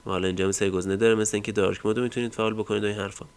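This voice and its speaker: Low smooth-voiced man explaining software. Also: little pitch movement. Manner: casual explanatory, many fillers, trails off at line ends. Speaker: tech tutorial host. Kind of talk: screen-recorded software tutorial.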